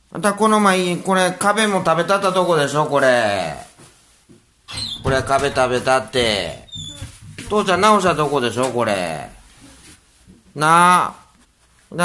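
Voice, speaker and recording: A middle-aged man with a Kansai accent, talking to and scolding his pet dog in a casual, drawn-out way. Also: on the high side. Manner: slow, drawn-out scolding of a pet, half soft, half raised. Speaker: dog owner.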